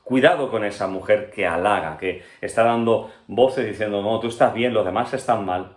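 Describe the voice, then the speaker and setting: A pastor from Spain with a Spanish accent, teaching an earnest Bible-study sermon that speaks straight to the listener and keeps checking in with him. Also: male voice, fairly low pitch, echoey room. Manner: earnest, addresses listener directly with frequent "¿vale?" and "¿verdad?".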